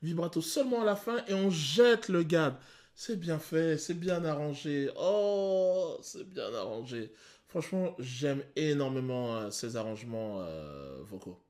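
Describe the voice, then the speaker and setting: A male vocal coach explaining singing technique to viewers, pausing to sing short examples. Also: a little high, darkish tone. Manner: explanatory, addresses viewers, sings short demos. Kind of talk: vocal analysis video commentary.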